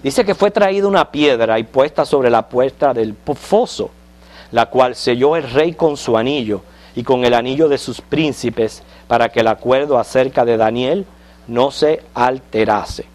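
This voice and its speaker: A man's voice: medium pitch, measured pace, a little mellow. A man teaching a Sunday school Bible lesson in a conversational way. He checks in with the class often and tells light jokes. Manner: conversational, checks in with listeners with frequent questions.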